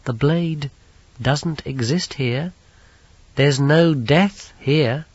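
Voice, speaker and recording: A man voicing a stern, no-nonsense young governess who speaks in crisp, clipped commands. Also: on the high side, very slow, a little mellow, dry recording, pitched above the performer's own voice, full character voice. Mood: brisk. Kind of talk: audiobook character voice. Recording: dull lo-fi recording.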